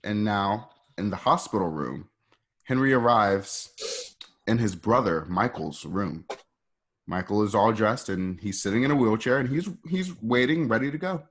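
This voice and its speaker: A man with a fairly low, fairly bright voice reads a radio play's stage directions aloud, animated and a little slow. It's a live table-read of a screenplay, delivered informally and conversationally with asides to the listeners.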